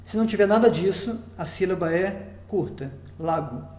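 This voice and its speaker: A Sanskrit teacher from Brazil, speaking with a Brazilian Portuguese accent, patiently guides his listeners through a lesson step by step and pauses to make sure they're keeping up. His voice is high with a darkish tone and lively intonation. The recording sounds roomy, with a noticeable echo around him.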